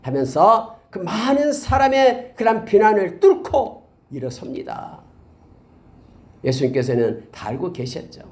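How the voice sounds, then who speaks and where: A male pastor giving a Bible teaching sermon, speaking to his listeners directly and building up to loud, emphatic peaks. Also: high voice, very animated, a little slow.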